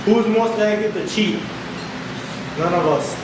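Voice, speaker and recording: Male co-host with a high voice for casual podcast banter, recorded distantly in a very echoey room. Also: unhurried. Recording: echoey room, distant mic, noisy background.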